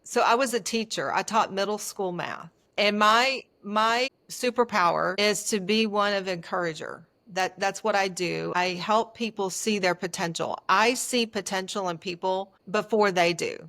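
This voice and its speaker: A woman's voice: mid-range voice, normal speed, hardly any pauses, a bit bright. A woman coach telling stories in a conversational interview, earnest and emphatic, often building points in short declarations and lists. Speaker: etiquette coach.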